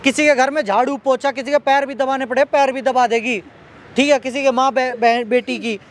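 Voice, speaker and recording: A man's voice: extremely high pitch, steady tone, normal speed. A man appealing to viewers for help, pleading and repeating himself, and soothing when someone cries. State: unwell. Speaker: vlogger helping a young woman.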